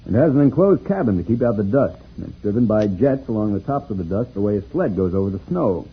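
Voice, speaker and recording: A man's voice: on the low side, very animated, fast talker, breathy edge, exaggerated voice. An actor playing an amiable, fatherly space troubleshooter who explains things easily in an old radio serial. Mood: friendly, reassuring. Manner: easygoing, explanatory, chuckling. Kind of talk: 1950s radio serial acting. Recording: muffled, tinny old radio recording.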